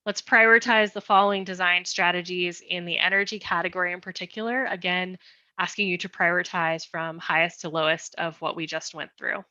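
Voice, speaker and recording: A woman leads a community meeting presentation, explaining design ideas with careful, patient steps. Her voice is bright and a little low. The sound is dry and dull, like a lo-fi video call. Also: steady tone, dry recording. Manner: explanatory, careful, slowing down on request.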